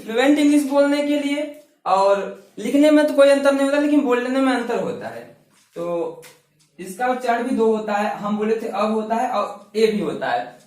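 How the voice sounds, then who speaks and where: A man teaching an English grammar lesson, repeating key words and asking and answering his own questions. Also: very high-pitched. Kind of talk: classroom lesson explaining articles. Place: classroom. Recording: very echoey room, voice from far off.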